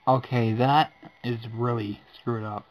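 A man's voice: mid-range voice, steady tone, unhurried, rough recording. A young man giving casual reaction commentary to a scare challenge, sounding like a nervous, easily startled horror streamer. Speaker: gaming YouTuber. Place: dark indoor room at night.

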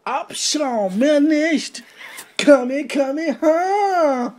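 A man voicing a furious, hot-headed man who picks fights, shouting aggressively in a much higher voice than his own. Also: sing-song, measured pace, vocal fry, heavily acted. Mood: enraged.

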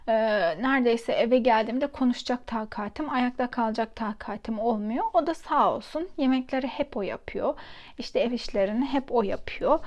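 A woman's voice: on the high side, a little mellow. A woman casually vlogging in her home basement, chatting and telling a funny story with laughs along the way.

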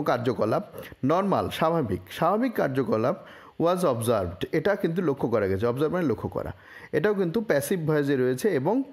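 A man from India explaining a newspaper report line by line, reading English phrases slowly and then explaining them, with frequent fillers and self-corrections. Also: on the high side, darkish tone, husky. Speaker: English teacher.

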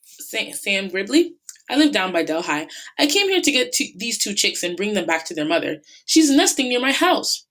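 An earnest teenage boy who looks after falcons, voiced by a woman reading aloud. Her voice lifts somewhat higher for him and comes out a little breathless. It is storybook reading for a class. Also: sing-song, moderate pace, fairly bright tone. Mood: nervous.

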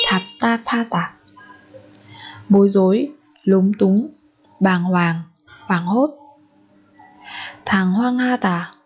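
A woman teaching Korean vocabulary to Vietnamese speakers, saying each word slowly three times and then explaining its pronunciation. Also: medium pitch, breathy edge. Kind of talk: vocabulary lesson with repeated pronunciation.

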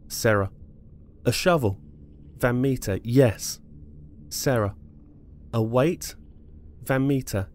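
A man narrates a true-crime podcast in a slow, deliberate delivery, his pitch sitting in an ordinary middle range. He reads court testimony in a measured, steady voice, with a faint hiss of noise underneath. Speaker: podcast host.

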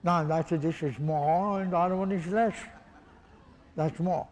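A man's voice: a little high, steady tone, unhurried, darkish tone, long reverb tail. A man teaching a group, asking pointed questions and demonstrating with his own body. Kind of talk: interactive lecture to a group.

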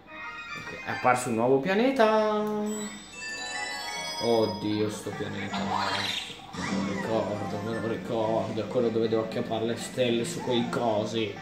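A man giving excitable let's play commentary, talking to the game as he plays and sometimes shouting at it. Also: lowish voice, measured pace, echoey room, loud music behind the voice.

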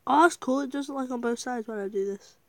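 A woman's voice: high voice, brisk, no echo. A woman chatting casually to viewers while she plays a game, giggling often and talking herself through each step. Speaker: gaming video creator. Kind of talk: casual gameplay commentary.

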